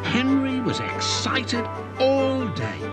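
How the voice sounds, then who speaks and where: A man narrating a children's story in a gentle storytelling manner, with music behind. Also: extremely high pitch, huge pitch swings, slow.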